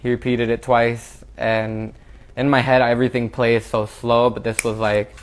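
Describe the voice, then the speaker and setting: A young man recounting a traumatic event he survived, speaking haltingly with frequent restarts. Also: mid-range voice, smooth. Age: young adult. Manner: halting and flat, with repeated restarts. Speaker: shooting survivor. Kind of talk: recounting a personal ordeal.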